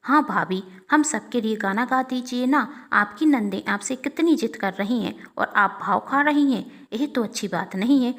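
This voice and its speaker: A woman's voice: fairly high pitch, normal speed, few pauses, a bit bright. A woman voicing a loyal, outspoken young woman who stands up for her sister-in-law, in a read-aloud story. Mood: coaxing.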